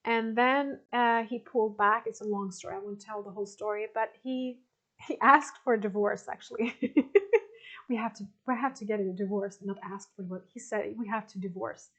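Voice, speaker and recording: A woman in her forties, a spiritual teacher talking casually and haltingly to a group, with frequent restarts and soft laughs. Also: medium pitch, fairly even intonation. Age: 40s. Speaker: spiritual teacher answering participant questions. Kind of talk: casual talk to an online group.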